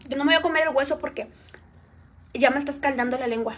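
A woman's voice: high-pitched, fast. A woman with a Mexican accent chatting to viewers while eating on a live stream.

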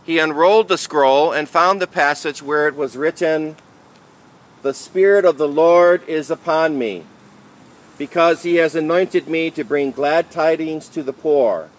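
Higher-pitched male priest at Mass. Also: a little slow, low-quality recording. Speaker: priest reading the Gospel and preaching. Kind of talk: liturgical Gospel reading and homily.

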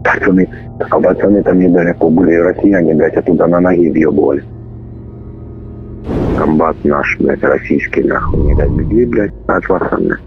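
Low, sweary man on a muffled radio intercept. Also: normal speed, gravelly. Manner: heavy swearing. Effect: heard over a radio or intercepted phone line. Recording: muffled radio intercept, music laid over.

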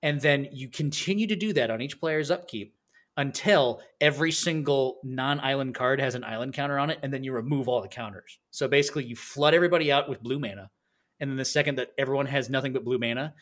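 A man co-hosting a podcast in casual chat, rambling and animated, acting out other players as he tells stories. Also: medium pitch, fast talker. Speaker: podcast co-host.

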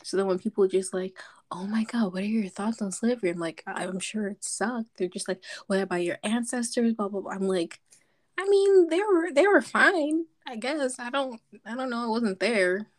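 A woman's voice: a little high, animated, moderate pace. A young woman from Zambia, a podcast guest chatting casually, telling stories with lots of likes and ums. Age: young adult.

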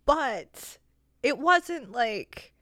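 A young woman in casual chat, talking quickly in loose, laughing stretches full of "like". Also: fairly high pitch, very animated, bright, forceful tone, dry recording, studio quality. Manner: chatty, laughing, lots of "like".

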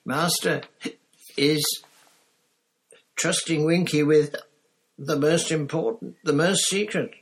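A squeaky, stubborn female house elf, put on by a male reader, slurring in broken grammar. The voice sits high above his own and keeps a husky edge. A storybook creature, indignant and loyal. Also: steady tone, slow pace, long pauses, heavily acted, poor audio.

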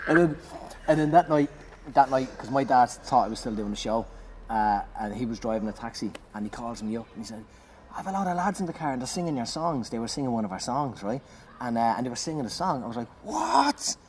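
A male comedian telling an animated, profanity-laced story in casual chat, laughing as he goes. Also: medium pitch. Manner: animated, swears freely, laughs through his story. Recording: clear background noise.

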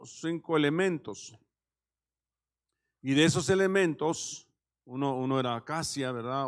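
Higher-voiced man preaching a sermon. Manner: conversational, many "¿verdad?" tags and hesitations. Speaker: pastor.

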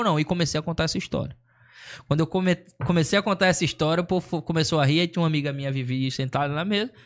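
A man, a comedian, telling a long story in casual chat, slangy and animated, acting out what people said. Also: on the high side. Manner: slangy, animated, acts out quotes.

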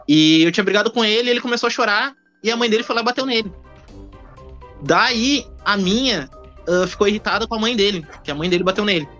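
A man, telling a childhood anecdote in a casual podcast chat, in a chatty, halting way. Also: high-pitched, sharp tone. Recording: dull recording with faint music.

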